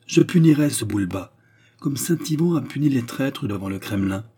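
A man voicing an old Russian priest in an audiobook, speaking slowly and then making vengeful threats. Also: medium pitch, mellow, slightly rough.

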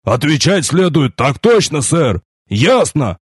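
A man voicing a gruff middle-aged male army sergeant who barks contemptuous orders, in a storybook reading. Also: fairly high pitch, big pitch swings, takes it slowly, no room sound, studio quality, exaggerated voice. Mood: stern.

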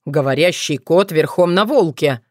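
A woman voicing a wary, exasperated young man in an audiobook, lowering her voice for him. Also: expressive, moderate pace, a little mellow, no echo, studio quality. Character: young man, nervous, easily startled.

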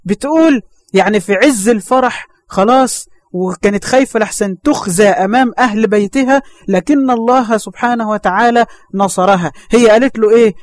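A man's voice: high-pitched, brisk, dry recording. A man with an Egyptian accent giving a religious lesson as a story, fervent and speaking straight to his listeners. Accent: Egyptian Arabic. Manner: fervent, addresses listeners directly, exclaims often. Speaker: Islamic preacher.

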